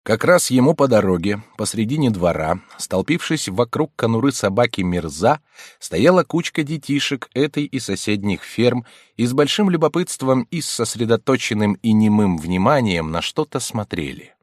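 Expressive male audiobook narrator. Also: lowish voice, dry recording, studio quality. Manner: measured, expressive storytelling. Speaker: audiobook reader. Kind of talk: scripted literary narration.

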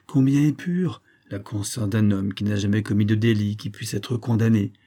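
A man reading the part of a scheming, smooth-talking middle-aged army major, pompous and theatrical, mock-affectionate toward his wife. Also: lowish voice, normal speed, mellow, close to an everyday voice. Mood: mock-tender.

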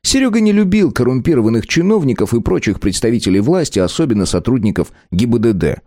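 A man narrating an audiobook with an expressive reading. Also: medium pitch, fast talker, no echo, studio quality.

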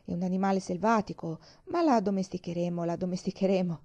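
A steady, patient pioneer father, voiced by a woman reading aloud, calm and firm in a storybook reading. His voice sits a little low, with a gravelly edge and a warm, mellow tone, on a dull lo-fi recording. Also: quick pace, close to an everyday voice.

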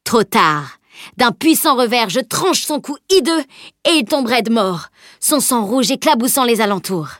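A woman voicing a boastful, hulking blond male warrior in an audiobook, loud and swaggering. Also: mid-range voice, animated, normal speed, no room sound, studio quality, natural voice. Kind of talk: audiobook character voice.

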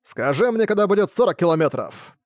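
A man voicing a calm, calculating sword hall master general who gives measured orders in an audiobook. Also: high-pitched, clean studio sound, voice pushed up. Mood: commanding. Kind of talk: audiobook character voice.

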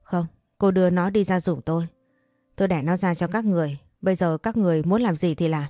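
A woman's voice: fairly low pitch, fairly quick, dark tone, dry recording, clean studio sound, soft background music, natural voice. A woman voicing a selfish, cold young woman who speaks curtly and complains in an audio story. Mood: complaining.

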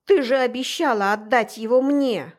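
A woman's voice: fairly high pitch, moderate pace, lightly acted. A woman voicing an indignant, jealous young mermaid in an audiobook, speaking in a whiny, reproachful way.

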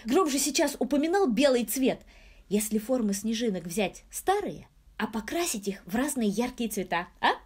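A woman reading a storybook, voicing an excitable, playful male lightning spirit who chatters eagerly. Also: on the high side, moderate pace, breathy edge. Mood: excited.

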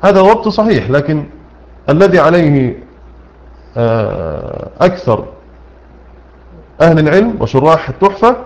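A man with an Egyptian accent teaches recitation rules, asking questions and answering them himself. His voice sits somewhat high, and he slows to recite key phrases. The recording is dull and lo-fi. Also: a little mellow. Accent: Egyptian Arabic. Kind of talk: explaining a tajweed poem line by line.

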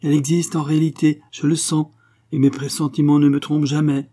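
An impassioned young woman pleads her love in a storybook reading, as a man puts on a raised, husky voice. The tone is mellow and dark underneath the lifted pitch. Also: normal speed. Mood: insistent. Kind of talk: audiobook character reading.

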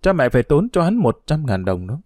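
A man voicing a caring middle-aged mother who reassures her daughter, gentle but firm. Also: fairly high pitch, sing-song, a little fast, no echo, studio quality.

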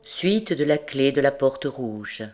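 A woman narrates a classic novel in a notably deep voice. She reads slowly and deliberately, with a calm, measured storytelling manner. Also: music in the background. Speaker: audiobook narrator. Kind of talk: scripted narration.

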